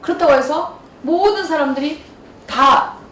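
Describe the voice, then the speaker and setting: A woman lecturer telling everyday stories and asking her audience questions in a lively talk. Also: sits high, a little slow, a little hiss or hum. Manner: storytelling, asks the audience questions. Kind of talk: lively lecture with acted dialogue. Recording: roomy hall from far off.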